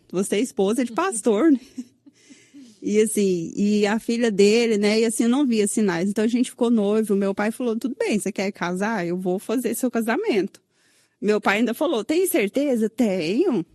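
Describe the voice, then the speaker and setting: This guest, a São Paulo woman with a Brazilian Portuguese accent, tells her emotional personal story in an interview, peppering it with "né?" and quoting what people said. Her voice is fairly high and mellow at a normal pace, captured cleanly in a studio with no echo.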